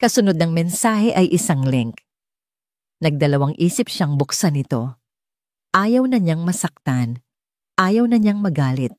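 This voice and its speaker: An audiobook narrator with a Filipino accent reads a scripted dramatic story in a lowish, darkish voice. The recording is dry and clean, with studio sound.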